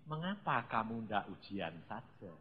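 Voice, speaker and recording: An older man with a Javanese accent voicing God as a calm, easygoing figure who speaks softly and plainly. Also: on the low side, unhurried, husky, voice pushed down, heavily acted. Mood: calm, gently teasing. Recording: dull lo-fi sound.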